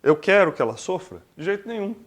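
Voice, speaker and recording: Brazilian man, 40s, talky reflective speaker, slightly high-pitched, lively, acts out scenes. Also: quick pace. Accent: Brazilian Portuguese. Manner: conversational and expressive, rhetorical questions, acts out little scenes. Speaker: speaker giving a reflection talk. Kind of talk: casual spoken reflection.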